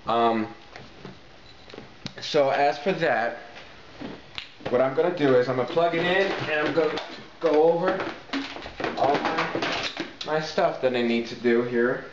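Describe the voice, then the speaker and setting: A man with a fairly high voice speaks unhurriedly, with long pauses, presenting a casual hands-on how-to video as a talk box player. He informally calls viewers "guys" and repeats key points for emphasis, and the amateur sound is muffled, echoey and noisy.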